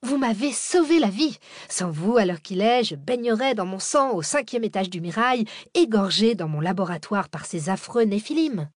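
A woman voicing a sharp, irritable young woman scientist who talks in a sarcastic, exasperated way. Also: medium pitch, animated, normal speed, few pauses, no room sound, studio quality, lightly acted.

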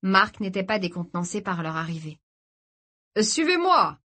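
Lectrice de livre audio posée. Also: female voice, lowish voice, moderate pace. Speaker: audiobook narrator. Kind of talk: scripted narration.

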